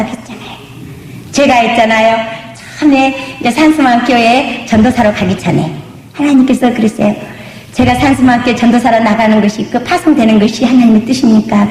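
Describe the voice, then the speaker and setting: Woman pastor giving a testimony sermon in a church, high voice, big echoey hall sound, half-sings some phrases. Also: darkish tone. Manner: emphatic preaching, asks the congregation "do you believe?"; drifts into sung intonation. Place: church sanctuary.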